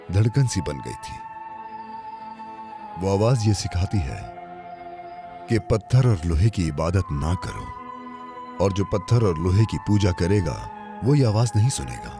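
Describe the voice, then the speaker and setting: Defiant young man, scornful of idols, lively swinging pitch, dubbed film, music and crowd behind. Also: heavily acted. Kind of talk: Urdu dubbed film acting.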